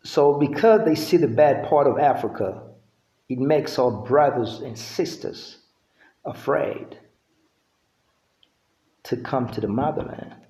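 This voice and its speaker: A man's voice: mid-range voice, slow, long pauses, warm tone, reverberant, poor audio. A middle-aged man from Uganda, raised in the US, talking in a loose, conversational monologue to the camera and often checking in with "you know what I'm saying". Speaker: vlogger.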